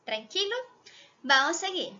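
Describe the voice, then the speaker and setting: A Spanish teacher from Rio de Janeiro, a Brazilian woman with a Rio accent, gives a language lesson to camera, chatting and checking in with viewers often. Her high, expressive, bright, forceful voice slows down to exaggerate pronunciation, and the audio is lo-fi.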